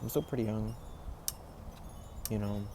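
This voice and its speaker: Young man, 20s, casual vlog monologue, fry in the voice, noisy room tone. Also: on the low side, a little slow. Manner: rambling, full of "like" and "you know", restarts. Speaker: vlogger. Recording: noisy background ambience.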